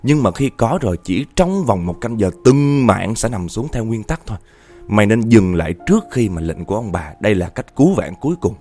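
A storyteller speaks as stern family elders lecturing a wayward relative. The voice is low, dark and lively in pitch. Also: male voice, a little fast, soft background music. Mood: scolding. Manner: scolding, lecturing.

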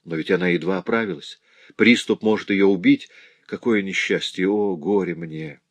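A man's voice: low-pitched, moderate pace, dry recording. A man voicing a noble prince, a grieving and overjoyed middle-aged father, speaking in an impassioned, exclaiming way. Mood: anguished.

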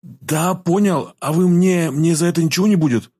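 A man's voice: medium pitch, expressive, moderate pace, slightly rough, pitched above the performer's own voice. A man voicing a frightened, wounded young male patient who speaks timidly and anxiously. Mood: scared.

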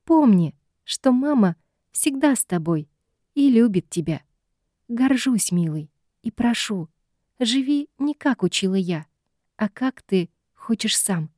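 A meddling, fond ghost mother from a fantasy audiobook, gushing in a lifted, theatrical voice, put on by a woman reading. The tone stays mellow and soft-edged. It is recorded dry and close, with no room around it. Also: on the high side, animated, slow, dry recording, voice pushed up. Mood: tender.

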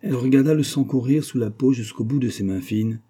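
A man reading a classic novel aloud in measured, scripted narration. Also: medium pitch, warm tone. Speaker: audiobook reader.

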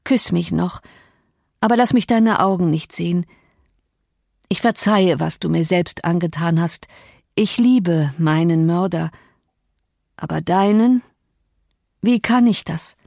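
A woman's voice: fairly low pitch, takes it slowly, vocal fry, long pauses, darkish tone, no echo, clean studio sound, heavily acted. A woman reading the lines of a brooding, bitter man torn by love, in an intense, reproachful tone.

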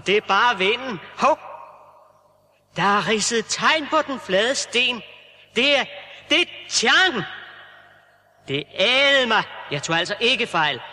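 A brave, earnest young reporter. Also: male voice, high-pitched, bright, forceful tone, full character voice. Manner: earnest, calling out to his dog. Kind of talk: radio play acting. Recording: noisy old radio-play recording.

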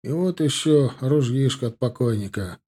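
A man's voice: mid-range voice, lively intonation, normal speed, dark tone, breathy edge. A man voicing a seasoned Russian soldier who talks in an offhand mutter. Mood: wry.

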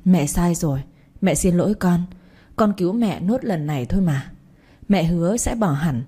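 A woman's voice: on the low side, expressive, moderate pace, mellow, husky. A woman reading a story aloud and voicing a desperate middle-aged mother who pleads and begs her daughter. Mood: pleading. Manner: pleading, tearful.

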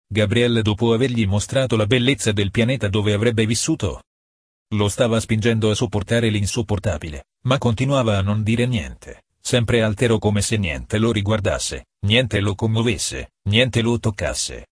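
Man narrating an audiobook, husky voice, measured, dry close sound. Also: fairly low pitch, no echo. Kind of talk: scripted story narration.

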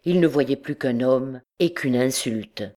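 A woman's voice: very deep voice, measured pace, dark tone. Woman narrating a classic novel. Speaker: audiobook reader. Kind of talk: scripted audiobook narration.

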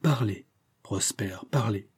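A man's voice: fairly low pitch, slow pace, breathy edge. A man voicing a stern, indignant middle-aged banker who speaks in a raised, vibrant voice. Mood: pleading.

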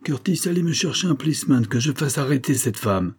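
A man's voice: mid-range voice, moderate pace, husky, voice pushed up, close to an everyday voice. A man doing a raging haughty baronet. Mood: furious. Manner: shouting angry commands. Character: furious proud baronet, quick-tempered nobleman.

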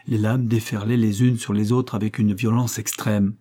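Husky, mellow male audiobook narrator. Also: lowish voice, flat delivery, normal speed.

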